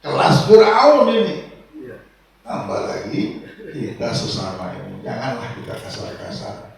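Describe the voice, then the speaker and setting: A man preaching a sermon, swinging between soft low asides and loud raised exhortation. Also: huge pitch swings, a little slow, vocal fry, noisy background. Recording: echoey hall, voice from far off.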